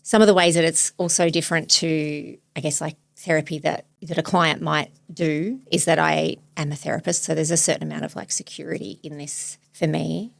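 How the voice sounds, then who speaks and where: Low gravelly woman. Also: fairly even intonation, brisk, few pauses, no echo. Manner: thoughtful, searching, soft-spoken with laughs. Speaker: podcast host and therapist. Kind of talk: reflective therapy demonstration chat.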